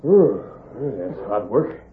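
An actor playing a sly, bossy claim swindler with a drawling, folksy American Western accent in a radio western. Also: male voice, on the low side, big pitch swings, slow pace, phone-quality sound. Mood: smug. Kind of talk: old-time radio western acting. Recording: noisy, thin vintage radio recording.

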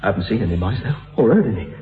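A man's voice: fairly low pitch, animated, racing, soft background music, lightly acted. An actor playing an unhinged young male killer who taunts his captive, mocking and swinging between menace and giggles. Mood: creepy. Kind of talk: radio-drama acting. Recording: tinny old radio recording in echoey hall.

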